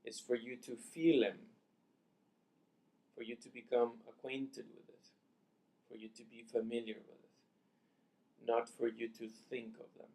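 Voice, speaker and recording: A man with a mid-range voice leads a guided meditation, speaking softly and deliberately. Like a teacher giving calm instructions, he uses short phrases separated by long pauses.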